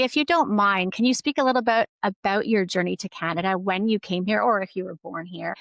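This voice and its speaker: A woman's voice: mid-range voice, vocal fry, a bit bright, no echo. A woman hosting a podcast, introducing her guest and asking questions with many small fillers. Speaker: podcast host. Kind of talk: interviewing a guest.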